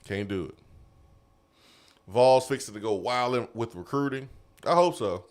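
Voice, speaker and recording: A man hosting a casual sports talk show, animated and quick to laugh. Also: mid-range voice. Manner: animated, laughing, drawn-out emphasis. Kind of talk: casual sports radio chat. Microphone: studio mic.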